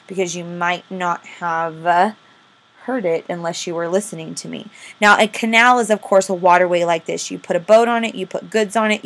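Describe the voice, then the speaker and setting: A woman teacher, giving a recorded lecture, asking the class questions and then answering them herself, slowing down on key terms. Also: medium pitch. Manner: slows down to stress key terms. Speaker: history teacher.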